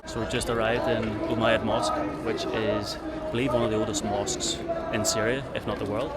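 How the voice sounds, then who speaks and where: A man's voice: fairly low pitch, level tone, a little fast, over a noisy crowd. An Irish man narrating a casual travel vlog and chatting with locals outdoors in city streets, in a friendly, easygoing way. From Ireland. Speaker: travel vlogger. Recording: loud street noise outdoors.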